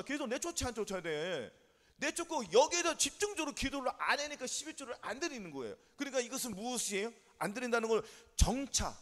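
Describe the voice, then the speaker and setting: A man's voice: very high voice, a bit bright, in a large hall. A male pastor, preaching a sermon that drills the congregation with back-and-forth questions. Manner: drilling call-and-response questions. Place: church sanctuary.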